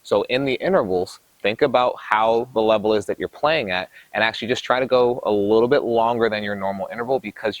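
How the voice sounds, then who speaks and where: A man coaching tennis, explaining drills in an energetic, explanatory way while demonstrating on the court. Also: fairly low pitch, no echo, low-quality recording. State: a little out of breath. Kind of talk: instructional coaching talk.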